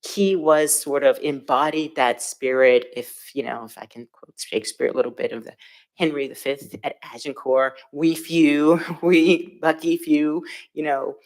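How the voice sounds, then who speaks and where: A woman with a low, deep-set voice speaks as a panelist. She tells her story in a reflective, unhurried way, pausing often and filling gaps with "um" and "you know". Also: steady tone. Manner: reflective, thoughtful storytelling with frequent fillers. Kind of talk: panel discussion.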